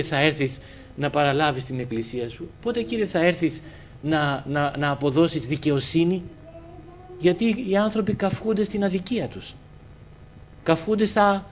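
Impassioned preacher, lively rising voice. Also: male voice. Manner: impassioned, swings between loud cries and soft low asides. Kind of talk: sermon. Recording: muffled recording with faint hiss.

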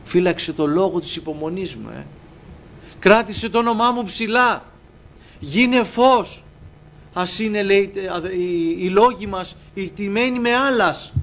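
A man's voice: high voice, fairly bright tone. A man preaching a sermon to his congregation, addressing them as brothers and acting out exchanges with God. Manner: impassioned, acts out dialogues with God, addresses brothers. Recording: dull lo-fi recording with faint ambience.

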